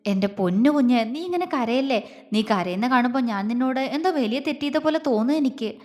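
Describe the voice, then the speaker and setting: A woman's voice: on the high side, lively intonation, a little fast, long reverb tail, close to an everyday voice. A woman voicing a tender, teasing young husband. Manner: affectionate, coaxing, softly playful. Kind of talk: dramatized romance audio story.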